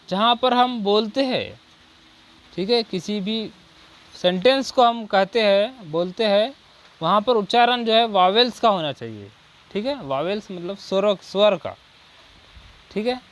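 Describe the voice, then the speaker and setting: A male coaching teacher with a high, fairly bright voice gives an animated Hindi grammar lesson on English articles. He drills with repeated rhetorical questions and "ठीक है," and reads English example sentences slowly.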